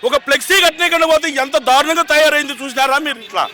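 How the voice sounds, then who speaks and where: A man's voice: very high-pitched, very fast, pushed and bright. A man, a member of the public giving a heated, repetitive rant in a street interview. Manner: indignant, repetitive ranting.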